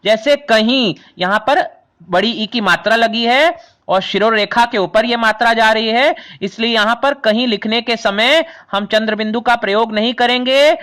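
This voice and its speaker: Male teacher, very high bright voice, patient and repetitive explainer, talks to kids. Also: moderate pace. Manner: explains patiently, repeating and rephrasing terms; addresses students as children. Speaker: Hindi grammar teacher. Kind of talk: classroom lesson explaining vowels.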